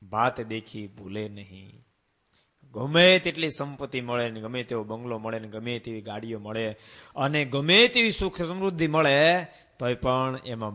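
Bright-voiced man preaching a devotional sermon. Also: medium pitch. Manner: rhetorical questions to audience, slow chanted verse refrains.

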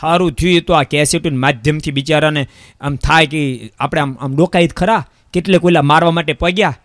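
A man giving a religious discourse, telling a parable in an animated way and repeating phrases for emphasis. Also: a little high, a little fast, no echo, studio quality. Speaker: preacher.

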